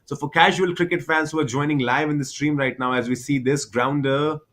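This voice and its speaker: A man's voice: fairly high pitch, steady tone, fairly quick, fairly bright tone. A man doing live baseball commentary, chatty and repetitive, explaining the game for cricket fans.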